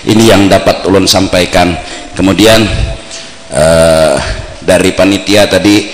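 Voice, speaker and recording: Slow, low-voiced Banjar man preaching, captured on old worn tape in a big reverberant hall. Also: a little hiss or hum. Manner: lively, swings between playful shouts and low earnest asides. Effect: old worn tape recording. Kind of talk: mosque sermon.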